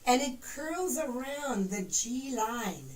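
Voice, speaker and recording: Slowly and expressively, in a high voice, a woman explains notes during a piano lesson, demonstrating and counting with patience and encouragement. There's slight background noise, room echo, faint piano and a distant, roomy mic.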